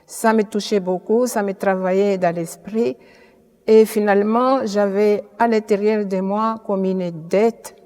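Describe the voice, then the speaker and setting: Older Congolese-born woman, unhurried and earnest, warm low tone, long reverb around her. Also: fairly even intonation. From Congo (DRC). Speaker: witness giving testimony. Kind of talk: personal testimony.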